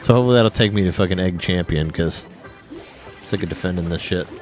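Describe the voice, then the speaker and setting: Deep-voiced man joking through a game. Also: fast talker, a little mellow, faint music behind. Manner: blunt and joking, swears freely. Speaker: podcast co-host and editor. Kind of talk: casual chat while playing a video game.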